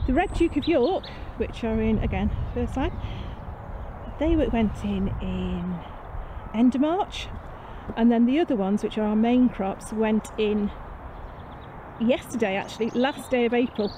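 Filmed on a handheld camera with its built-in microphone, this noisy outdoor clip shows a British gardening vlogger casually touring her allotment and greenhouse. She rambles in a chatty, self-deprecating way, her voice fairly high yet dark in tone.

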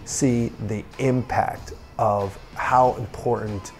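A man's voice: medium pitch, steady tone, slow, faint music behind. A man who founded a veterans' coaching program, speaking earnestly and evenly in a documentary interview.

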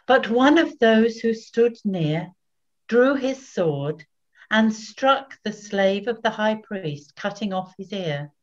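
An older woman reading scripture as narrator in a deliberate, solemn, scripted manner. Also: medium pitch, expressive, dull audio. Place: small plain room at home.

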